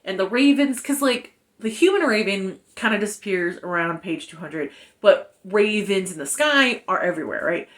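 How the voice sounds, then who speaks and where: A young adult woman giving a casual book review, retelling the story in an animated, chatty way full of fillers. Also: mid-range voice, normal speed.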